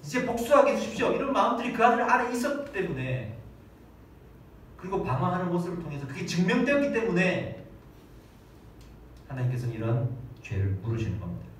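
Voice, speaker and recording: A man's voice: high-pitched, huge pitch swings, a little fast, long pauses. A male pastor in his thirties preaching a Sunday sermon, dramatically acting out prayers and children's voices. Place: church hall, large and echoey. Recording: very echoey hall, distant mic, faint noise.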